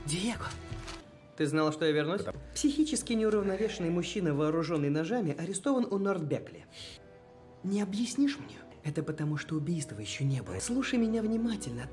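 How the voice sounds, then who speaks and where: A sardonic, impatient time traveler of a screen drama, voiced by an actor. The delivery is curt and bossy, with lively swings in pitch, over a music bed. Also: lightly acted. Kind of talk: dubbed screen drama acting.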